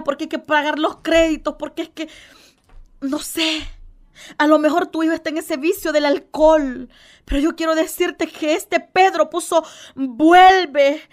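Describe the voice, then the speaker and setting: A woman delivers a radio sermon in a high, bright register. Her preaching is fervent and pleading, full of repeated exclamations of devotion.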